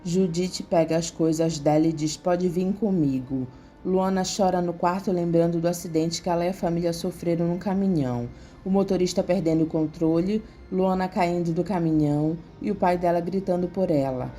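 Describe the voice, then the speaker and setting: A woman with a Brazilian Portuguese accent narrating a soap opera recap in a steady, even reading. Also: lowish voice, a little fast. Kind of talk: scripted narration. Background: faint music.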